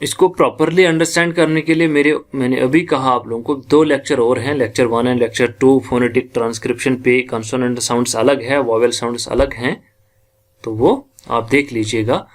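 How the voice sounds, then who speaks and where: A man's voice: medium pitch, fairly even intonation, normal speed. A man teaching English phonetics, sounding out each syllable and mixing Hindi with English. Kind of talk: lecture, spelling out word sounds slowly.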